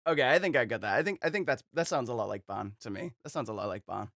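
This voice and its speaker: A man's voice: medium pitch, expressive, quick pace, vocal fry, a bit bright, no echo, studio quality. A young man who voices characters as a hobby, talking in a hesitant, self-deprecating, chatty way. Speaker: hobby voice actor. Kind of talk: casual commentary.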